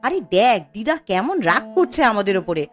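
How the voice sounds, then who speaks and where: A woman's voice: mid-range voice, big pitch swings, fairly quick, faint music behind, close to an everyday voice. A woman voicing young village sisters in a cartoon, whiny and pleading. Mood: coaxing. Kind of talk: cartoon voice acting.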